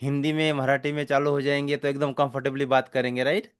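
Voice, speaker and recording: A man's voice: mid-range voice, flat delivery, clear, resonant tone, no room sound, clean studio sound. A man with an Indian accent teaching a spoken English class, explaining step by step in mixed Hindi and English and often checking that students follow. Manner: explains slowly, mixes Hindi and English, keeps checking understanding.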